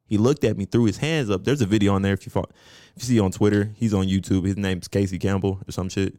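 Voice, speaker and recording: Low-voiced man telling stories, dry sound. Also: fast, no echo. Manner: profane, animated storyteller. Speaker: podcast co-host. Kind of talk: casual podcast chat.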